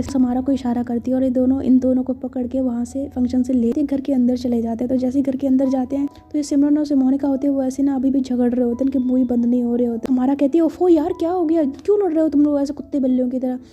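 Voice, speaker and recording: A woman's voice: sits high, level tone, fast talker, few pauses, warm tone, slightly rough, highs cut off. A woman storyteller retelling a love story in a chatty, casual way, explaining each gesture.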